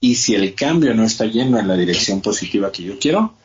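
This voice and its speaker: Man explaining calmly step by step. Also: lowish voice, brisk, highs cut off. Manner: explains step by step, acts out quoted dialogue. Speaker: podcast host. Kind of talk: casual conversational explanation.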